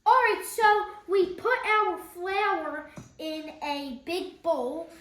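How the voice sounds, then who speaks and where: Super high bright voice, co-host in a home kitchen reading the recipe out loud, roomy echo. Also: female voice, lively intonation, very slow. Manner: reads recipe notes aloud, upbeat and agreeable. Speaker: cooking helper and co-host. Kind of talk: casual cooking chat.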